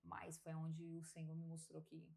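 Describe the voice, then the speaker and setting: Low-voiced with vocal fry, a Brazilian woman speaks at a measured pace while recounting her personal testimony as a podcast guest. Her Brazilian Portuguese accent comes through as she tells the story casually and animatedly, often laughing as she acts out conversations.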